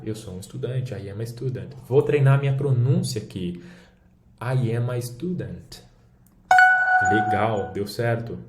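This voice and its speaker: In a screen-share demo lesson, a man with a Brazilian Portuguese accent shows an app while teaching a language, explaining casually and checking in frequently. He has a lowish, darkish voice at a moderate pace, barely pausing, with soft background music. The room sounds echoey, with faint background noise.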